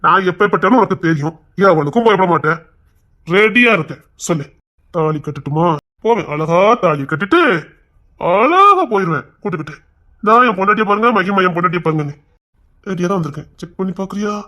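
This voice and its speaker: A man's voice: sits high, lively intonation, fairly quick, bright, forceful tone. A man playing a brash young man who challenges the woman he loves, then turns guilty and pleading. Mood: defiant. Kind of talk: screen drama acting.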